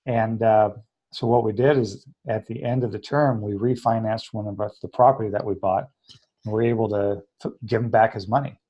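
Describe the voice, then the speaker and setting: A man's voice: fairly low pitch, steady tone, brisk, dark tone, slightly rough, highs cut off. A man guesting on an interview show, earnestly telling his story and acting out the voices of people he quotes. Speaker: interview guest, treatment center founder.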